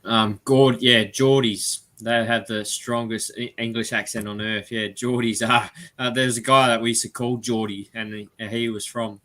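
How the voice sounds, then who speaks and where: Bright-voiced Australian man hosting a chatty stream. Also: medium pitch, little pitch movement. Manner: chatty, rambling, quick bursts of speech. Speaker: host. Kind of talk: casual live-stream chat.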